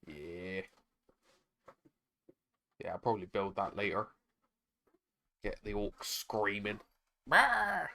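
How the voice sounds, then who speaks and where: Hoarse, raspy man streaming. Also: fairly low pitch, fairly even intonation, slow pace, pauses often, a bit bright, a little hiss or hum. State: hoarse, struggling to talk. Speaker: streamer painting miniatures. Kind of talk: casual live-stream chat.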